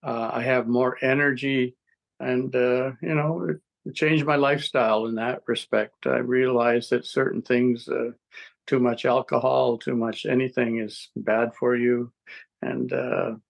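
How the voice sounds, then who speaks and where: Gravelly older man in his seventies. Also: mid-range voice, steady tone, rough recording. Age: 70s. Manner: rambling, halting, with frequent restarts and chuckles. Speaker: interviewee giving a testimonial. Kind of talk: casual interview answers.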